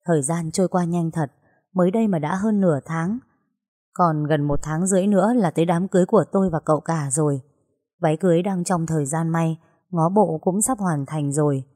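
A woman narrating a story in an even storytelling manner. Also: on the low side.

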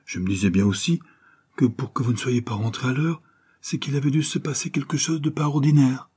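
A man reading an audiobook, voicing a voluble, kindly older woman who runs a boarding house, gushing and effusive with breathy asides. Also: medium pitch, fairly quick, a little mellow, voice pushed up, close to an everyday voice. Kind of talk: audiobook character voice.

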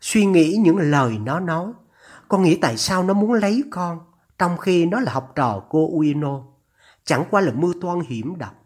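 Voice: medium pitch, animated, moderate pace, a little mellow, slightly rough. A narrator voicing an anxious older mother on the phone, her trembling voice urgent and scolding as she pleads.

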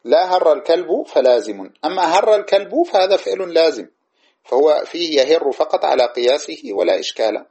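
A man giving a lesson on a classical grammar text, reading verses slowly and then explaining them plainly, often checking that listeners follow. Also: fairly high pitch, expressive, a little mellow, breathy edge.

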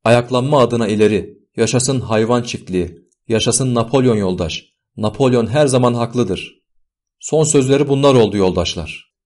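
A man's voice: medium pitch, normal speed, darkish tone, lightly acted. A man voicing a sly male propaganda pig who speaks with sanctimonious, wheedling sorrow in an audiobook. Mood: fake sorrow.

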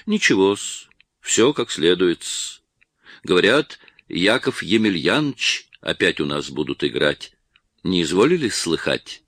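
A man's voice: low-pitched, big pitch swings, a little slow, a bit bright, no room sound, clean studio sound, heavily acted. A man voicing an obsequious, servile theatre actor who ends his words with a fawning '-s'.

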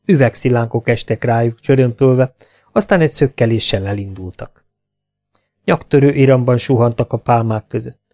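A man narrating an adventure novel as an audiobook, in steady, plain storytelling. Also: mid-range voice. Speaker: audiobook reader.

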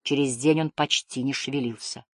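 Woman narrator, audiobook, low pitch, dry recording, measured. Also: steady tone, fairly bright tone, no echo. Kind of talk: scripted narration.

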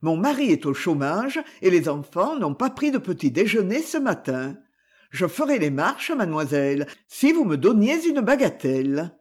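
Homme jouant une femme à la voix éraillée et provocante, intonation très animée, lecture audio. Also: male voice, high voice, big pitch swings, normal speed, heavily acted. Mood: hoarse, pleading. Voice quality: raspy. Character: shabby, hoarse charwoman, bold and defiant.

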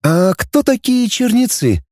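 A man voicing an earnest young woman who is quick to take offense, in a high, pleading, indignant tone. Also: sing-song, a little mellow, no echo, studio quality. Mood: questioning.

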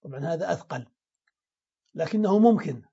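A man's voice: fairly high pitch, lively intonation, brisk, vocal fry, mellow, husky, highs cut off. A man teaching grammar in a classroom lesson, explaining step by step and answering his own questions.

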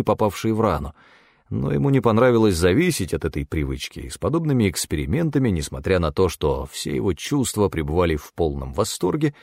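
Male audiobook narrator, expressive storytelling, lively intonation, dry close recording. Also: on the low side, vocal fry, no room sound.

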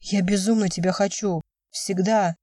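A woman's voice: mid-range voice, steady tone, normal speed, warm tone, dry recording, recorded from a distance, lightly acted. A woman voicing a young man who is hurt and ashamed, asking blunt, tense questions.

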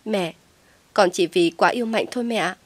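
A woman's voice: medium pitch, moderate pace, dry recording, lightly acted. A woman voicing a stubborn young daughter who pleads tearfully with her mother, recorded dry and close. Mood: pleading.

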